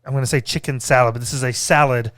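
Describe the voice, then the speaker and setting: Guy doing a chatty food review, clean smooth voice, mid pitch, kinda hesitant and repeats words, really dry sound. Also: fairly even intonation, fast talker, fairly bright tone, no echo. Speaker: co-host reviewing theme park restaurants. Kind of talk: casual conversational food review.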